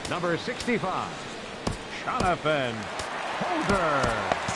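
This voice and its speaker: Man announcing over a stadium loudspeaker. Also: a little high, wildly swooping pitch, takes it slowly, over a noisy crowd. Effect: amplified over a stadium loudspeaker. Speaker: stadium public address announcer. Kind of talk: formal, drawn-out player announcements. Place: outdoor ballpark. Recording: distant loudspeaker over loud stadium noise.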